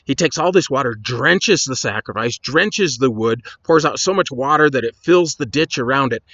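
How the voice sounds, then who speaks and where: A man's voice: medium pitch, fairly bright tone, no echo, dull audio. A man, a pastor, retelling Bible stories in a casual, conversational lesson with chatty asides.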